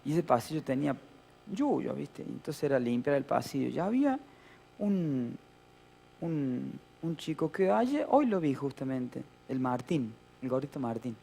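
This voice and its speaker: A man's voice: mid-range voice, big pitch swings, a little slow, gravelly, dark tone, breathy edge. A middle-aged man with a Rioplatense Spanish accent, preaching a sermon as pastor and telling a childhood story with playful humor and acted-out voices.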